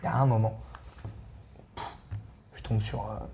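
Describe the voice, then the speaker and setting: A man's voice: lowish voice, fairly even intonation, normal speed, gravelly, a crowd in the background. Slangy young man spinning a tale. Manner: slangy, many fillers and tags. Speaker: player. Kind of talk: casual storytelling.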